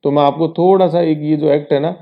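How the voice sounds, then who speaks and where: A man's voice: a little high, steady tone, a little fast, narrow, tinny audio. A man teaching an exam-prep lesson in a conversational way, with rhetorical asides to his students and English terms mixed in.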